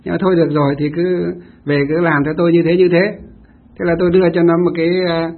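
A man's voice: on the high side, little pitch movement, fast, gravelly, phone-quality sound. A man, a Buddhist monk giving a storytelling dharma talk who asks rhetorical questions and answers them himself.

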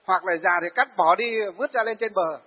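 A man in his forties, a Buddhist monk, preaching and acting out the people in his stories. His voice sits high for a man and sounds husky. The sound is narrow and phone-like, with a long hall reverb behind it. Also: normal speed. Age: 40s. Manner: storytelling, acts out the people he tells of. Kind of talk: sermon.

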